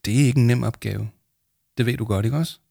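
A man reading a storybook and voicing a calm, warm adult mentor who speaks patiently. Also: medium pitch, creaky, dry recording, studio quality. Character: calm kindly adult mentor, gently smiling.

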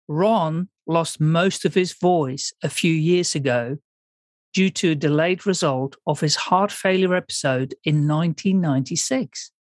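A man hosting a podcast, reading a scripted introduction in a deliberate, announcing way. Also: on the high side, dry recording, studio quality. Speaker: podcast host.

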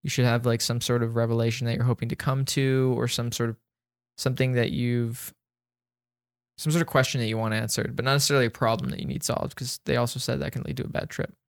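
A man's voice: mid-range voice, steady tone, fast, gravelly, no room sound, studio quality. A man hosting a podcast, chatting casually and rambling with lots of fillers and jokes. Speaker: podcast host. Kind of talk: casual chat.

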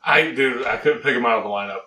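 A man's voice: mid-range voice, fast, bright, forceful tone, echoey room, far from the mic, a little hiss or hum. A laid-back man in casual podcast chat, chuckling as he talks.

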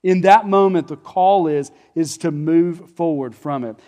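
A man's voice: on the high side, unhurried, mellow. A pastor preaching a sermon in an earnest, conversational way, often restarting his phrases.

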